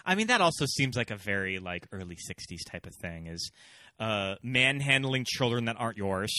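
A man's voice: lowish voice, very animated, moderate pace, pushed and bright, dry recording. A man discussing film casually as a podcast panelist.

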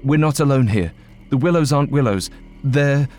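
A man's voice: mid-range voice, animated, a little slow, darkish tone, soft background music, voice pushed up, close to an everyday voice. A man voicing a frightened young man who pleads with his friend in an urgent, stammering way.

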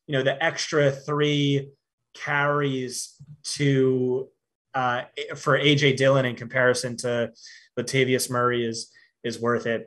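A man's voice: medium pitch, fairly bright tone. A man giving fantasy football analysis in a casual podcast chat, with many fillers and restarts but firm opinions. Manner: frequent fillers and repeated starts, confident opinions.

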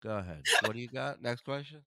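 A man's voice: medium pitch, animated, fast talker, gravelly, pushed and bright, no room sound. A man hosting a podcast in casual chat, joking and swearing freely. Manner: joking, profane banter. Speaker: podcast host.

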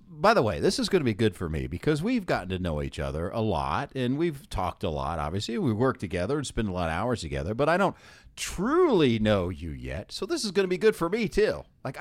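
A man's voice: medium pitch, a little fast, no room sound. Male podcast host, playful and chatty; voice swings up and down a lot, close and dry. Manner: jokey, animated questioner. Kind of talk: casual interview chat. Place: office near a studio.

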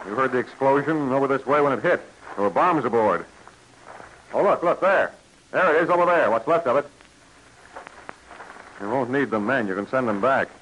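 An actor playing a brash, decisive American adventurer in a 1940s radio drama, punchy and commanding, on a noisy vintage recording. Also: male voice, mid-range voice, animated, moderate pace, pauses often, a bit bright, lightly acted. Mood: brisk, intent.

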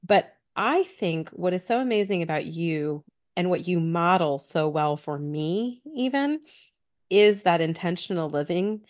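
A woman's voice: on the low side, animated, a little slow, a little mellow. A woman co-hosting a podcast and speaking in the earnest, encouraging tone of a business coach. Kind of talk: casual podcast chat.

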